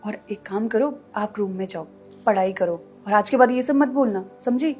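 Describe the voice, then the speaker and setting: A woman playing a meek daughter-in-law and loving mother who pleads softly and soothes her child, in a family short film. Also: mid-range voice, normal speed, soft background music, natural voice. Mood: soothing.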